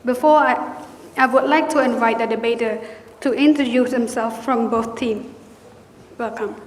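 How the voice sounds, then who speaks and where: A young woman moderating a debate in a formal, careful, slightly halting way. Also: a little high, slight background noise. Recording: roomy hall reverb.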